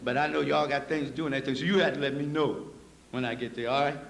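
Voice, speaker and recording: A man giving a live lecture to an audience, folksy and preacherly, dropping low for asides and rising to emphatic points. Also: steady tone, fast talker, gravelly. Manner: folksy, addresses audience as y'all. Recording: echoey hall recording with faint noise.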